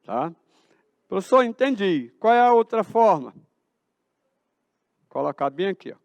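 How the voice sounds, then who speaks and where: A man's voice: high voice, big pitch swings, a little slow, dry recording. A Brazilian man teaching a math class in a school auditorium, asking his students questions and answering them himself. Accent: Brazilian Portuguese.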